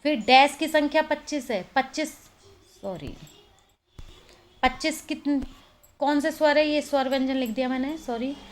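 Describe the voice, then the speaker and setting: A woman's voice: sits high, moderate pace, pauses often, slight background noise. A woman teacher giving a recorded grammar lesson, explaining step by step and answering her own questions as she goes. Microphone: phone voice recorder.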